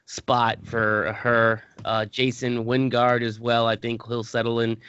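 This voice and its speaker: A man's voice: mid-range voice, measured pace, clear, resonant tone, dry recording. Man, podcast co-host, casual rambling chat, restarts sentences, dry close sound, slightly dull lo-fi audio. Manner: rambling, self-correcting, animated bursts. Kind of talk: casual chat about a tabletop game.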